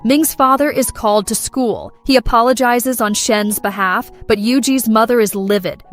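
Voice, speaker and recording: A woman giving a scripted drama recap narration in a steady storytelling delivery. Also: fairly high pitch, normal speed. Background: faint background music.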